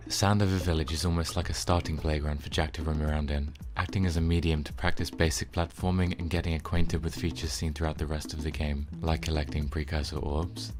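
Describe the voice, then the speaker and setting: Very deep-voiced man narrating a game retrospective. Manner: informal, wry, sweary. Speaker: video game reviewer.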